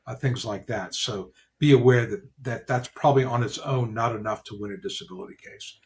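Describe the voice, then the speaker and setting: Guy lawyer hosting, explaining stuff practically, lots of you-knows, mid pitch. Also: a little fast. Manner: explains in a practical way, many "you know" fillers. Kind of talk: explanatory casual discussion.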